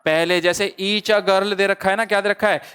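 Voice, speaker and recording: Man, high smooth voice, grammar teacher, asks and answers his own questions, teasing. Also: fairly even intonation, normal speed, pushed and bright. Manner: asks the class a question, then answers it himself; calls listeners brother and friends. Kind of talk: exam-prep grammar lesson.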